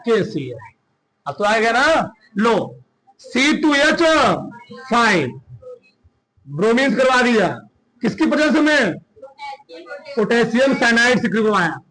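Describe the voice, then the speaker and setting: A man teaching a class, firing short questions at his students one after another. His voice sits very high and rings bright and forceful. He drills the class in a lively, commanding way. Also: poor audio. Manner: quizzing students with rapid questions. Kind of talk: classroom chemistry lesson.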